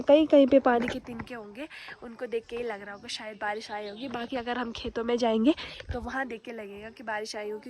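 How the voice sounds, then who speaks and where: A young woman vlogging at home, chatting quickly while she walks and cooks, a little out of breath. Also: fairly high pitch, a little mellow. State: unwell, short of breath. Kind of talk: casual vlog chat. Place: home, rooftop and kitchen.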